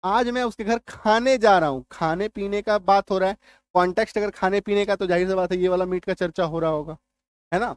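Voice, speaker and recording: An English teacher with a high-pitched, clear, resonant voice gives a brisk spoken spelling lesson, drilling words aloud and checking whether his students understand.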